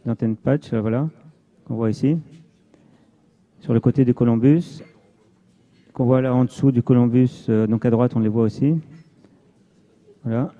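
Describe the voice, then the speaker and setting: A man's voice: mid-range voice, fairly even intonation, moderate pace, pauses often, warm tone. A man giving an informal technical presentation as an amateur radio volunteer, explaining and repeating points for emphasis. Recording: dull, muffled lo-fi sound.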